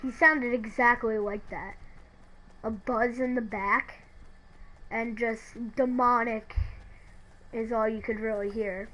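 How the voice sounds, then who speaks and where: A woman telling a creepy story in a halting, hesitant way, often restarting her sentences. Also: fairly high pitch, steady tone, fairly bright tone, a little hiss or hum, rough recording. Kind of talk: creepypasta narration.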